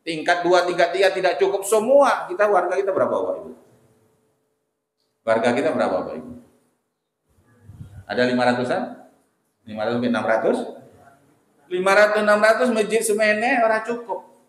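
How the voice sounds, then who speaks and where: Preacher in an echoing mosque. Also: male voice, high voice, brisk, pauses often. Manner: conversational, questions the congregation directly. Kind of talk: sermon. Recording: very echoey mosque hall.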